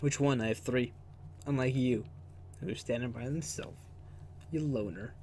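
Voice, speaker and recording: Playing through a video game, this gamer keeps up a sweary, sarcastic, jokey running commentary. He has a medium-pitched, darkish voice and a measured pace, and faint noise plus game audio sit in the background.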